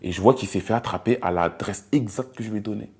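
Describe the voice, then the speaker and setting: A man's voice: fairly low pitch, quick pace, a little mellow. A man, repeating phrases and quoting phone calls. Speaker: interviewee, media boss. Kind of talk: casual interview storytelling.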